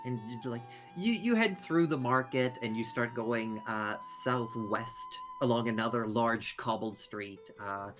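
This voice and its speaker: A man improvising tabletop game narration as game master, in halting descriptions. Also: mid-range voice, music in the background.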